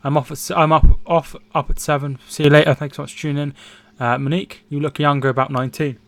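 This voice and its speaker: A man in his twenties from England co-hosts a football watchalong livestream, chatting casually and reading out viewer comments. His voice is on the high side with flat delivery, fast pace, and vocal fry, and the recording is dry.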